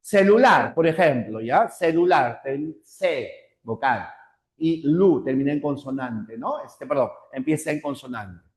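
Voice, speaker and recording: A man's voice: on the high side, expressive, a little slow. Echoey teacher man, repeating patiently. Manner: repeats points with tag questions, patient and methodical. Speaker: language teacher. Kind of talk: online class lecture.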